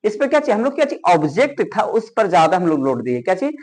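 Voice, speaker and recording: Male grammar teacher, high voice, lecture style, answers his own questions. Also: sing-song, fast talker, darkish tone. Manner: asks himself questions and answers them, repeating key phrases.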